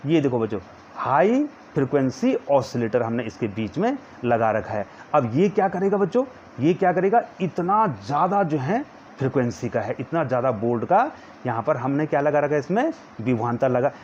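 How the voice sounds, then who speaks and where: Lively Hindi physics teacher dictating notes. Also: male voice, medium pitch. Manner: calls students "children" in nearly every line, repeats words slowly for dictation; points at a diagram while explaining. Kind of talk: classroom lesson, dictating notes. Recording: dull lo-fi sound with faint background noise.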